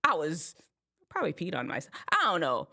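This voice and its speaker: A woman hosting an advice show, telling a personal story in a casual, expressive way. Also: low-pitched, a little fast. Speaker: host giving advice to teens.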